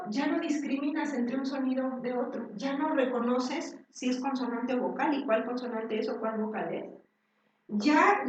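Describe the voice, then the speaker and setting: Slow, echoey woman lecturing. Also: on the high side. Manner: slow and deliberate, with many fillers and restarts. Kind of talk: university lecture. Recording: very echoey room, distant and dull.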